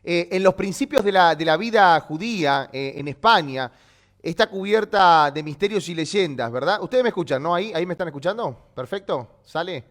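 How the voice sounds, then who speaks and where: A man with a high voice teaches a live online Bible lesson. He explains patiently and stops often to check that his listeners follow. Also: lively intonation, normal speed, fairly bright tone.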